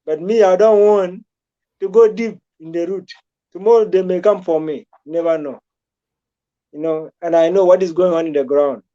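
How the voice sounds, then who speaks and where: A man's voice: sits high, warm tone, dull audio. A man from South Sudan giving rambling, repetitive political commentary in a casual talk, with frequent restarts.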